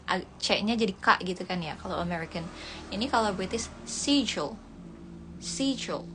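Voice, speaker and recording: A woman's voice: mid-range voice, brisk, pushed and bright. A woman teaching English words on a casual livestream, repeating each word and explaining it, her voice dry and cracking. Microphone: phone livestream. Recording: faint background noise.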